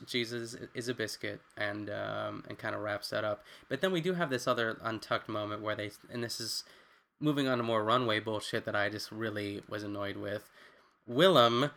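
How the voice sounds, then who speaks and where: A man co-hosting a casual recap chat, expressive and chatty, acting out quotes and swearing casually. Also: medium pitch, vocal fry. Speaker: podcast co-host.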